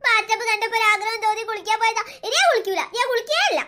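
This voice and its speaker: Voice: very high-pitched, very fast, background noise. A voice actor playing a frightened, tearful little cartoon girl telling her family what scared her. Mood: stubborn. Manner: whiny, tearful storytelling. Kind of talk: cartoon voice acting.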